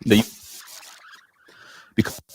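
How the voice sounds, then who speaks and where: A man's voice: drawn-out words, in a large hall. A man giving a passionate talk to an audience, driving his points home with rhetorical questions, then taking their comments. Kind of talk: lecture with audience Q&A.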